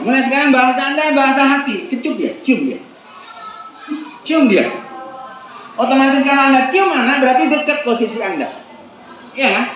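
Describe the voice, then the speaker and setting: A high-voiced man in his forties gives a joking, animated seminar talk to parents and keeps asking the crowd questions. The recording is heavily echoey, as in a big hall. Room noise is clearly audible behind him. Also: dull audio. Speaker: seminar speaker.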